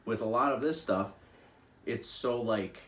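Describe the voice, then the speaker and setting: A man's voice: on the low side, measured pace, fairly bright tone. A young man co-hosting a casual true-crime podcast, laid-back and joking. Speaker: podcast co-host. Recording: echoey room, faint noise.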